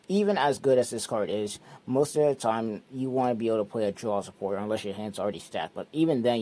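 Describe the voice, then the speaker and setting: A man hosting his own channel, casually walking through a card deck step by step in a relaxed, repetitive way. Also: fairly low pitch. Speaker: card game channel host.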